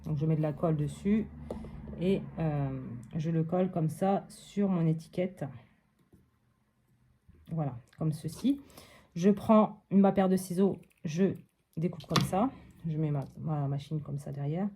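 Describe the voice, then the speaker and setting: Crafting vlogger, woman from France: slow, low-pitched, narrates each step casually with fillers. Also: warm tone, husky.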